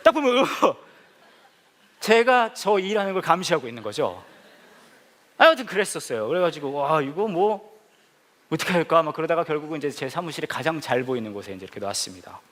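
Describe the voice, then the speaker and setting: Male pastor, comic preacher, higher voice swinging widely, playful storyteller with bursts of exclamation. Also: sing-song, fairly quick, a bit bright. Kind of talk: humorous sermon. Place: church hall with a laughing congregation.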